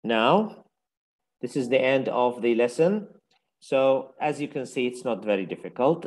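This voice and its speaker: Iraqi-accented older male teacher. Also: medium pitch. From Iraq. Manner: explains step by step, repeating key phrases. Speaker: English teacher. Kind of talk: university lecture.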